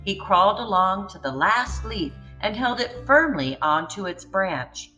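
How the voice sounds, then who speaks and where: Slow, bright-voiced woman reading a storybook. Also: medium pitch, faint music behind, low-quality recording. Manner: slow, gentle, expressive. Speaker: children's book reader. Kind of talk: storybook read-aloud.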